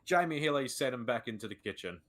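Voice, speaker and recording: A man's voice: mid-range voice, lively intonation, quick pace, fairly bright tone. A man co-commentating a live sim racing stream, jokey and fond of puns, with a sore throat.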